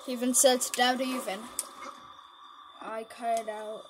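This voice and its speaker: Woman gaming on her phone, talks to herself, swears a lot, kinda high voice, loud noisy phone recording. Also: little pitch movement, a little slow. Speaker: mobile gamer recording gameplay. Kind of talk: casual gameplay commentary. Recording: loud background noise.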